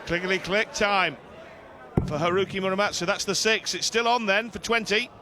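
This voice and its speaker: Man, lead darts commentator, slightly high pitch, play-by-play, noisy arena behind. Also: normal speed. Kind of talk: live play-by-play sports commentary.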